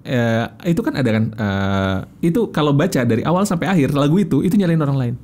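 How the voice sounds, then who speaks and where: A man as a podcast guest, a communication coach who explains in an animated way and acts out little examples. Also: mid-range voice, fast talker. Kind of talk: casual interview chat.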